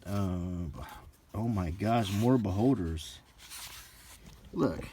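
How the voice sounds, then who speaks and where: With a lowish, dark voice and an extremely slow delivery, a middle-aged man leafs through game books and chats unscripted. Nostalgic remarks and mild grumbles fill his casual talk, which works as unintended ASMR, and a faint hiss or hum sits under the recording.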